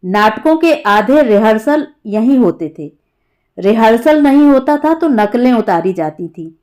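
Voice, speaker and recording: Woman reading a hindi story audiobook, slow and mellow, slightly high voice. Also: expressive. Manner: slow and measured. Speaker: narrator.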